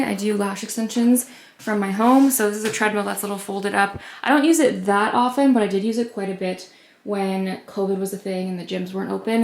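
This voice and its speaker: A young woman in her twenties chats casually in a home vlog, upbeat and full of "like" and "um." Her medium-pitched voice is gravelly, and the roomy recording carries a little hiss or hum.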